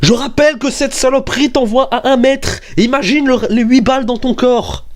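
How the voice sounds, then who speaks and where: Brief: young male vlogger, high voice, rants and swears, jumps into squeaky outbursts. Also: moderate pace. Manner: excitable, swearing, jumps into high-pitched outbursts and argues with himself. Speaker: YouTube weapons video host. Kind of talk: comedic rant vlog.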